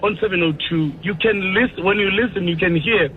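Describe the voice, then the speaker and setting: A man's voice: high-pitched, brisk. A man calling in to a radio show to give his opinion, insistent and repeating himself, laughing easily. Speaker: radio caller. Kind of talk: phone-in opinion. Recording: tinny phone line with faint noise.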